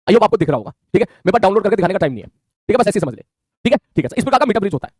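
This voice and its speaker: A man teaching a physics lesson online, talking in a quick, colloquial way and checking in with his students constantly. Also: high voice, sing-song, slightly rough, dry recording, clean studio sound. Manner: rapid colloquial Hindi, calls students "mere bhai", frequent "theek hai".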